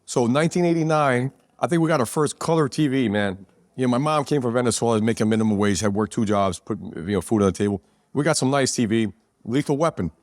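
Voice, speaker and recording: Chatting casually at a pizzeria, a man in his forties from New Jersey, a business owner and podcast guest, spins profane, rambling stories in street talk. He has a medium-pitched voice and talks fast. The recording is dry and studio quality.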